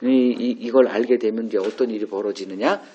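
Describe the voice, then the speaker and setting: A man with a husky, slightly breathy voice delivers a conversational sermon as a pastor. He talks through a Bible passage in an informal, musing way, often asking rhetorical questions before answering them himself. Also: lowish voice, fairly even intonation, fairly quick, mellow, lo-fi sound.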